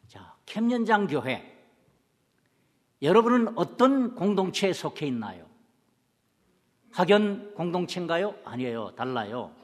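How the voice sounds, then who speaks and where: A man's voice: sits high, very animated, unhurried, pauses often, in a large hall. A man preaching a sermon. He asks the congregation rhetorical questions, answers them himself, and acts out little everyday dialogues. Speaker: pastor.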